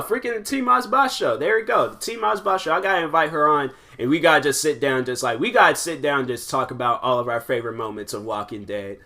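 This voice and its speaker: Young male podcast host in his twenties, bright forceful tone, loose rambling solo chat. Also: medium pitch. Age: 20s. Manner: rambling, full of "like" and restarts. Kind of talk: casual solo podcast monologue.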